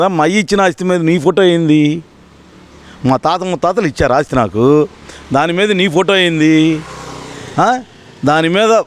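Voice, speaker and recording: A man from the public, giving heated, sarcastic answers full of rhetorical questions in a political street interview. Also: fairly high pitch. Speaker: member of the public giving his opinion.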